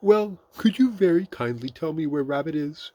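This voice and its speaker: A man's voice: fairly high pitch, expressive, moderate pace, mellow, no echo, pitched above the performer's own voice. A man voicing a bumbling, good-natured, greedy toy bear from a children's storybook, hesitant and given to exclaiming. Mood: surprised, earnest. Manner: hesitant, repeating himself, exclaiming.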